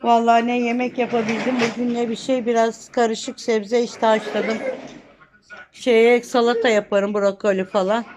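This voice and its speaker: A woman's voice: fairly high pitch, flat delivery, moderate pace, background noise. An older woman from Turkey chatting to viewers in a casual home vlog while minding her grandchild, filmed on a phone in a small apartment. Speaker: grandmother vlogger. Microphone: phone camera.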